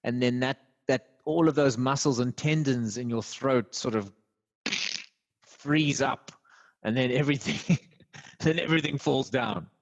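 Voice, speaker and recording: A man speaking as a guest on a podcast, sharing voice-training advice with animated energy. His delivery swings in pitch and volume for emphasis. He talks like a working voice actor who is coaching the listener. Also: unhurried. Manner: explanatory, animated, laughs easily. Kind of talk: conversational interview.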